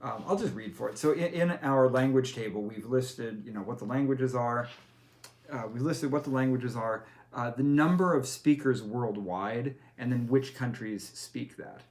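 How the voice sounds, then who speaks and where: A game master with a mid-range, darkish voice speaks at a normal speed. He patiently guides a player through tabletop character creation step by step, full of fillers and self-corrections.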